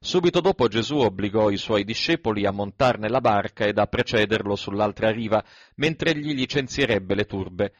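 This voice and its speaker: A man with a fairly low voice reads scripture aloud in a measured, even recitation. The sound is dry and close, with no room around it. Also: no echo. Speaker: scripture reader.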